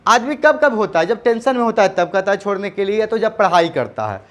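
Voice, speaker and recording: A man teaching spoken English in Hindi, slowly repeating short English phrases for students to copy. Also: sits high, very animated, a bit bright. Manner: drills phrases slowly, repeating them aloud.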